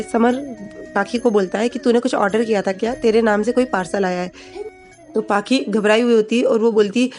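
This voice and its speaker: A woman whose voice is on the high side with a darkish tone retells a TV serial episode. Her narration is casual and plain, and she reads the characters' lines without any acting.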